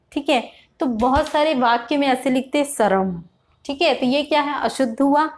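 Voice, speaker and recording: A woman teaching an online grammar lesson, explaining patiently, repeating words slowly to stress their spelling, often checking in with "theek hai". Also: high voice. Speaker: Hindi teacher. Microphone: computer or phone mic, online class.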